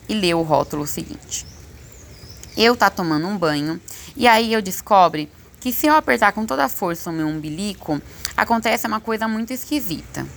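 A woman reading a children's book aloud as an audiobook narrator, expressive and lively. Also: mid-range voice, creaky, slight background noise. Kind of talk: storybook reading.

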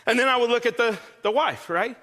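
Pastor guy preaching, chatty and jokey, keeps asking "right?", highish voice. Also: fairly quick, pushed and bright. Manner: conversational, joking, checks in with listeners often. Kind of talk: sermon.

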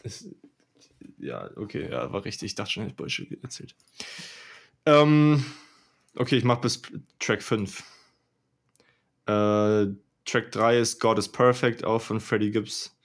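A young man co-hosts a podcast, chatting casually about rap albums with enthusiastic, emphatic, slangy energy. His voice is fairly low and a little slow, with long pauses.

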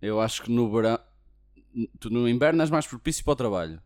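A young man with a European Portuguese accent chats extremely fast in a mid-range voice. He is casual and slangy, restarting phrases as he goes, like a podcast co-host among friends. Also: medium pitch, lively intonation, darkish tone. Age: young adult.

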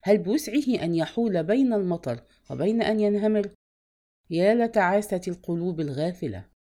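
Woman reading a novel, voice swoops up and down a lot, steady storyteller pace. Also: medium pitch. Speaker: narrator.

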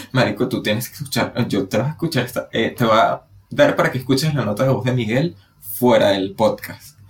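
Animated Venezuelan man chatting on a podcast. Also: medium pitch, normal speed. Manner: animated and dramatic, acts out quoted voices. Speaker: podcast co-host. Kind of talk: casual chat.

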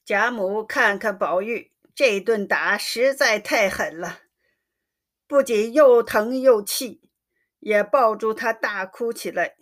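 A woman narrating a classic novel in a slow, measured storytelling reading. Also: on the high side, a bit bright.

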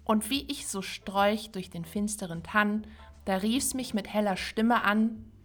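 A woman podcast host reciting a classic Christmas poem in a measured, rhythmic way. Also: medium pitch, faint music behind.

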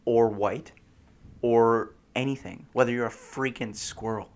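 A man's voice: mid-range voice, fairly even intonation, a little slow, darkish tone. A young man co-hosting a casual podcast, rambling through his stories with lots of fillers and laughing as he tells them. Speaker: podcast co-host.

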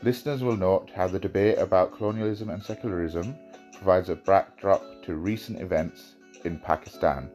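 A man with a croaky, hoarse, worn-out voice introduces a podcast episode as its host. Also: low-pitched, moderate pace, a little mellow, soft background music. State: hoarse, voice nearly gone.

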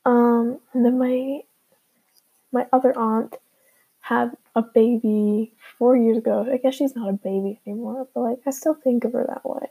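A teenage girl chatting casually and hesitantly as a beginner solo podcast host, with lots of filler words, recorded on a low-quality earbud microphone. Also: fairly even intonation, moderate pace, creaky, warm tone, slightly rough. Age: teenager, fifteen. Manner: informal, hesitant, heavy filler "like".

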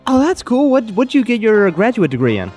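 A young man from Texas hosting a podcast in a casual, animated, self-deprecating way, laughing often. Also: high voice, brisk, soft background music. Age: young adult. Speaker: podcast host.

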